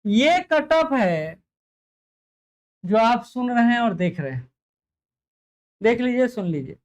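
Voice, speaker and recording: Male tutor, high voice, emphatic lecture that repeats the numbers for students. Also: big pitch swings, slow. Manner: emphatic, repeats figures, addresses students directly. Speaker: exam coaching teacher. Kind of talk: exam cut-off analysis lecture to camera.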